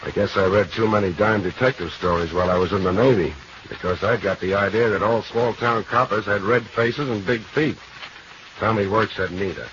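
A noisy, muffled vintage radio recording. A man plays a hardboiled private eye with a lowish voice, dry and sardonic, never rattled, in 1940s detective drama style. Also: fairly even intonation, a little fast, lightly acted. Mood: narrating, dry. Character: wisecracking, unflappable hardboiled private investigator.

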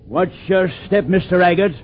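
An actor playing a stern but fair sailing ship captain, salty and authoritative, in old-time radio adventure style. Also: male voice, high voice, normal speed, soft background music, lightly acted. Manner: salty, authoritative, sardonic toward his mate. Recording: muffled old radio recording, loud sea noise.

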